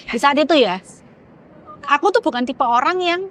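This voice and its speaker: A woman's voice: sits high, lively intonation, fairly bright tone. Emotional woman. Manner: emotional, halting, searching for words. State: teary-eyed. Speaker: podcast guest. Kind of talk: candid personal testimony in casual chat.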